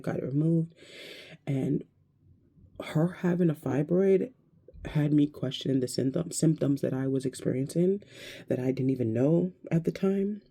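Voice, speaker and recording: A woman in her thirties talking to camera in a casual, reflective vlog, hesitant and searching, with many pauses and restarts. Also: a bass voice, creaky, mellow, husky. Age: 30s. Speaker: vlogger.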